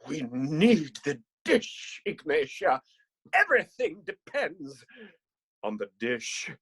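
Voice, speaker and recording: A man's voice: fairly high pitch, huge pitch swings, slow pace, a bit bright, husky, heavily acted. An actor playing a weary, brooding male doctor in a comic audio play, speaking in a heavy, resigned and solemn way. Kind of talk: comic audio drama acting.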